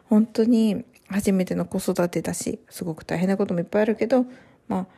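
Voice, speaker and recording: A woman talks casually to her viewers in a mellow, warm voice at an ordinary middle pitch. Her delivery is soft and rambling, with long run-on sentences full of fillers and pauses. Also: fairly even intonation, gravelly, breathy edge. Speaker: vlogger and new mother. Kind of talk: casual chat to camera.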